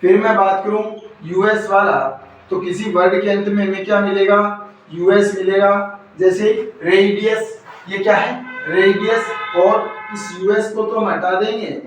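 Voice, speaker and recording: Speaking in a high, unhurried voice with little pitch movement, a man leads exam-preparation grammar teaching through repetitive call-and-answer, asking questions and then answering them himself. The recording is very echoey, with him far from the microphone.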